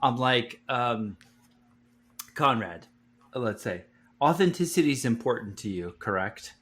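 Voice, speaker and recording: A man's voice: mid-range voice, lively intonation, unhurried, a bit bright, a little hiss or hum. Rambling, cursing man co-hosting a podcast. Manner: rambling, swears freely. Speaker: podcast co-host. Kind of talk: casual podcast chat.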